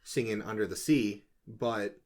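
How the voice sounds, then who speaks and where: A young man co-hosting a podcast, talking in excitable, rambling bursts in casual chat. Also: fairly low pitch. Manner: excitable, rambling, quick outbursts. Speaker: podcast co-host.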